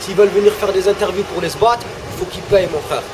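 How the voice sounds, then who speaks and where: Man rapping and talking street style, high voice, loud background noise. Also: brisk. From Algeria. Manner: blunt, swearing, streetwise. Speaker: rapper. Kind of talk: casual interview talk and freestyle rap.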